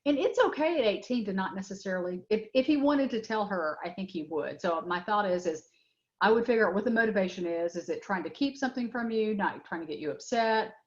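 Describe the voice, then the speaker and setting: A woman's voice: medium pitch, lively intonation, a little fast. A middle-aged woman presenting a workshop, answering audience questions with frank, direct advice and many fillers. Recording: dull lo-fi web audio.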